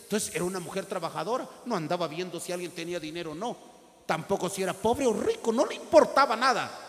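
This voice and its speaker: A man preaching a sermon in a church service, who acts out little scenes in other voices and later prays loudly. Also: high voice, lively intonation, fast. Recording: long hall reverb with music.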